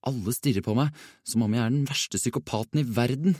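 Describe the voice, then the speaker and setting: A man voicing a gentle, frightened schoolboy who murmurs softly and despairingly. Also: mid-range voice, husky, no echo, clean studio sound, close to an everyday voice.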